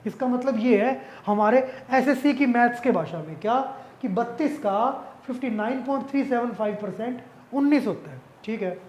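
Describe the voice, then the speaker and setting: A man's voice: very high-pitched, moderate pace, a little mellow, highs cut off, a little hiss or hum. A male math teacher explaining an exam-prep lesson casually, asking questions and answering them himself.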